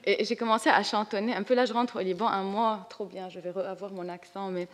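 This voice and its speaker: A woman's voice: medium pitch, fairly even intonation, fast. Lebanese woman chatting frankly, hall reverb. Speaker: panelist, comics artist. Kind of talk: casual panel talk. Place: conference hall.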